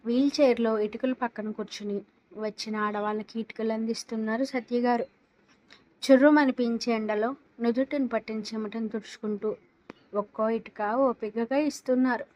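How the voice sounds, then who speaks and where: A woman narrating a romance story in a steady, dramatic reading style. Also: a little high, normal speed, highs cut off.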